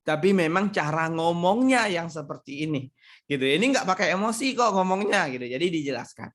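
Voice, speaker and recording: A man from Sumatra answers audience questions in a relaxed online talk on marriage, his voice sitting a little high for a man. He speaks conversationally, often closing his points with tag questions. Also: fairly quick. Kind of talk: live online seminar with Q&A.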